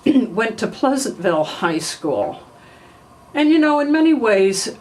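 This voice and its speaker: An older woman from New York telling family memories in an unhurried way, often clearing her throat. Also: on the low side, a little hiss or hum, rough recording. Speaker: family memoir narrator. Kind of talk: reminiscing oral history.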